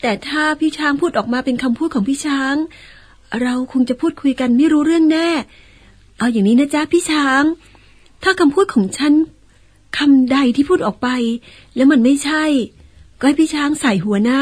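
A woman acting in an old-style radio drama as a gentle, polite young daughter who coaxes and explains patiently. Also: high-pitched, moderate pace, natural voice. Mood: gentle coaxing. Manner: coaxing, polite, carefully explaining.

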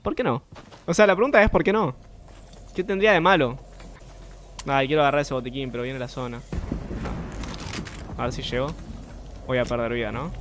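A young man with an Argentine accent, chatting and swearing freely while streaming a game, now and then bursting into shouts. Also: mid-range voice, moderate pace, pauses often, a little hiss or hum. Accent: Argentine Spanish. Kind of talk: live game commentary.

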